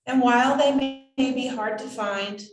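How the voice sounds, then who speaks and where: A woman acting as a seance medium in trance, voicing a cryptic, whimsical spirit guide in halting, measured phrases. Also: on the high side, close to an everyday voice. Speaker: channeling medium. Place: indoors, draped room. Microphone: distant camera microphone. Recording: roomy echo, distant microphone.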